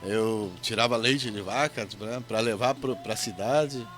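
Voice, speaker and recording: A man's voice: medium pitch, unhurried, over music. A middle-aged man with a gaúcho Brazilian accent, an evangelist guest telling folksy stories in a radio interview. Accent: Gaúcho Brazilian Portuguese. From Rio Grande do Sul, Brazil. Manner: folksy storytelling with jokes.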